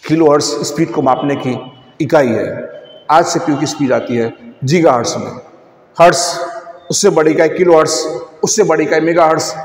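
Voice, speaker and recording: Male computer teacher, high voice, lecture with rhetorical questions, echoey room with long reverb. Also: fairly quick. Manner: rhetorical questions, repeats points. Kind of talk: classroom-style lecture.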